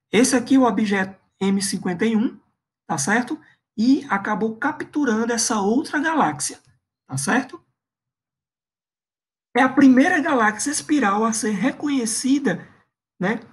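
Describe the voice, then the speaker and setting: A Brazilian Portuguese-accented woman presenting an astronomy lesson over slides, often tagging her sentences with quick check-ins to the viewer. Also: on the high side. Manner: adds frequent checking tags like "tá bem?". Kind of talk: explaining slides in an online lesson.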